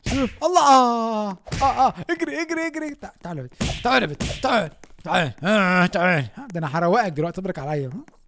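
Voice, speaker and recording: A young man with an Egyptian Arabic accent giving excited gameplay commentary as a gaming YouTuber, often shouting and laughing. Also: high-pitched, fast, background noise.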